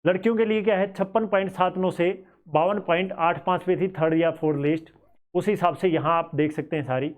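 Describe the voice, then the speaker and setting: A man's voice: high voice, fairly even intonation, a little fast. A man with a Haryanvi-flavoured Hindi accent teaching students about exam cut-offs in a conversational, thinking-aloud way.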